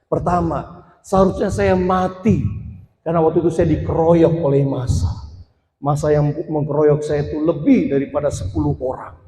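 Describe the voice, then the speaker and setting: A warm, steady voice on the high side belongs to a man in his forties sharing a personal testimony as a sermon at church. Speaking at normal speed, he talks directly to the congregation and builds to emphatic passages in a hall with long, echoing reverb.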